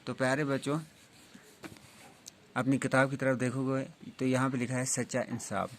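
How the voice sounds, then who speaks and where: A male teacher giving a reading lesson to young children. He goes through the text slowly, restating each sentence in simpler words. His voice stays at an ordinary middle pitch. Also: level tone. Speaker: school teacher.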